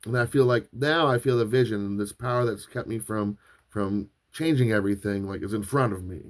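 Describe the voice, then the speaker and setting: Low-voiced man rambling through a story. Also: brisk. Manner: rambling, restarts often, many fillers like "like" and "right". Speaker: podcast host. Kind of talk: casual storytelling monologue.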